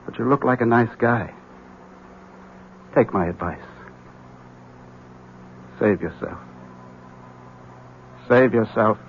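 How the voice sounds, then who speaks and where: A very noisy, dull 1970s radio drama recording features an actor as a desperate, haunted man urgently cautioning a rival. His medium-pitched voice carries vocal fry and moves slowly with long pauses, tense and urgent, erupting now and then in agitation.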